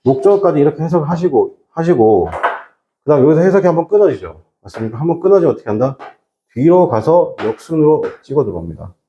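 A middle-aged man teaching an English reading class to high school students, often asking rhetorical questions. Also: sing-song, fast talker, mellow, dull audio, slight background noise. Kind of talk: classroom lecture.

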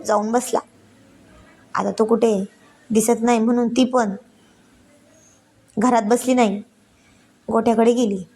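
A woman narrating a story in a plain, steady storytelling manner. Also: on the high side.

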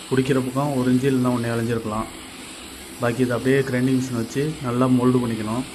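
A carpenter from Tamil Nadu teaches on his channel, explaining in a mid-range voice how to make a tool one step at a time. His style is casual and plain, and he repeats himself often. There is background noise behind him.

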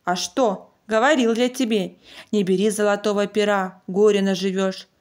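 A woman voicing a wise, steady talking warhorse in a fairy tale, advising its master. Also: mid-range voice, moderate pace, lightly acted. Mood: chiding, reassuring. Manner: questioning, advising. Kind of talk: storybook narration in character.

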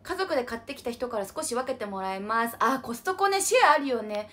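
Reading viewer comments on her casual livestream, a young idol host sounds bubbly and chatty, using a quirky cutesy pronoun for herself. Her voice is on the high side and a bit bright, and she speaks quickly and animatedly over slight background noise.

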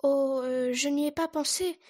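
Woman reading as a timid little boy beaver, plaintive, quiet, high voice, picture book. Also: fairly even intonation, a little slow.

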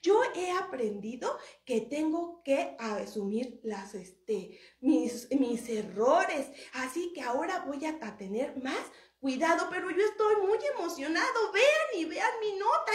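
A woman voicing an eager, excited young boy who exclaims breathlessly. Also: high-pitched, slow pace. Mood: overjoyed. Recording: roomy with faint music.

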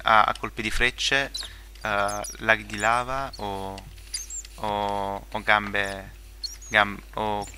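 A man's voice: lowish voice, flat delivery, very slow, sharp tone, a little hiss or hum. A young man giving casual gameplay commentary, rambling with many fillers, restarts and joking asides. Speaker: gaming video creator.

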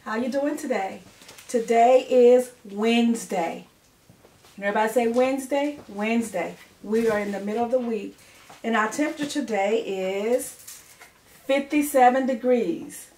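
A woman's voice: on the high side, brisk, a little mellow. A middle-aged woman teaching a children's lesson to camera, speaking in simple, repeated phrases as a preschool teacher. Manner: simple, repetitive phrasing addressed to young children. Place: living room or study at home. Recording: roomy, distant mic, faint noise.

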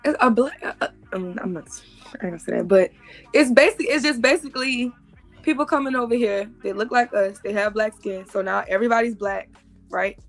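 With a voice on the high side and a slightly fast pace, this thirty-something woman guests on a live stream through a video call. She explains emphatically and repeats herself a lot, over soft background music.

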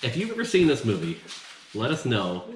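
A man's voice: mid-range voice, wildly swooping pitch, a little fast. A man in his forties talking casually as the co-host of a home film review. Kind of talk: casual chat. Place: open living and dining room at home. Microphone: camera mic a little way off on the table. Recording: echoey room, faint background noise.

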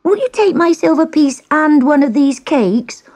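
A spoiled young peasant girl shrieks and pleads in a storybook tale, put on by a woman narrator. The voice rides very high and loud, with lively swoops in pitch. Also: a little slow. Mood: begging. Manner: screaming, pleading, wheedling.

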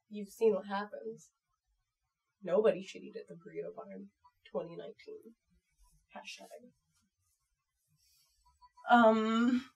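Over poor audio, a fairly high-pitched American woman in her twenties reads viewer comments as a channel performer. Seated at a computer desk in a small room at home, she chats casually with viewers in a playful, frank, slightly crude vlog style.

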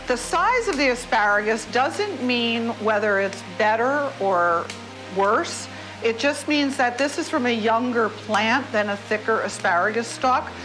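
A middle-aged woman with a fairly high-pitched voice hosts a cooking demonstration from her home kitchen, explaining the steps with friendly instruction. Music plays underneath, and the recording is rough.

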